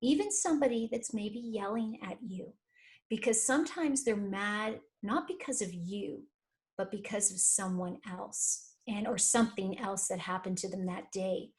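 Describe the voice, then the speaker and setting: A woman, a life and career coach telling stories in an interview, animated and acting out the voices of people she quotes. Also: medium pitch, moderate pace. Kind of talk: conversational interview storytelling.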